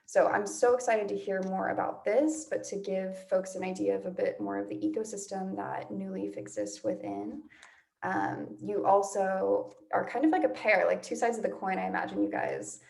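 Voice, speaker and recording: A woman's voice: medium pitch, expressive, normal speed, creaky, darkish tone. A woman hosting an online session in a casual, effusive, gushing manner. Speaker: host.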